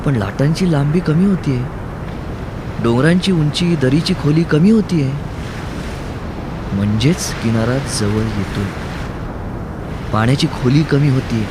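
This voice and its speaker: A man's voice: medium pitch, measured pace, long pauses. A man reading a novel aloud in dramatic narration, building intensity in the tense passages. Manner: dramatic storytelling with rising intensity. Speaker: audiobook narrator. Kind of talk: scripted narration. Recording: narration over ocean and wind sounds.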